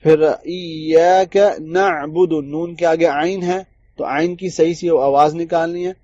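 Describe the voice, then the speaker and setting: In a Quran recitation lesson, a man teaches tajweed, first explaining common mistakes and then reciting the example words slowly and drawn out. His voice is fairly high, steady and darkish, and the recording is muffled but free of echo.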